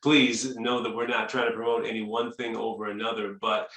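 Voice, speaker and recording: A man's voice: on the low side, flat delivery, brisk, a bit bright, roomy sound. A man hosting a webinar interview, chatty, reading out audience questions and restarting his sentences often. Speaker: host.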